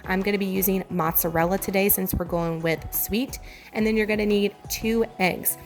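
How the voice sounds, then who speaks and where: A woman's voice: medium pitch, fairly even intonation, moderate pace, soft background music. A woman with a Southern US accent chatting through a casual cooking voiceover, enthusiastic and direct, her voice congested and giving out. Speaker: home cooking vlogger. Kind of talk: casual meal prep voiceover.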